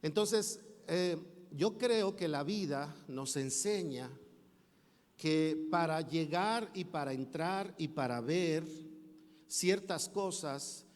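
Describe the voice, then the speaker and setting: A man's voice: fairly high pitch, slow pace. A male pastor preaching a sermon, telling a story with acted voices and asides to the congregation. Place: church sanctuary. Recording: long church hall reverb.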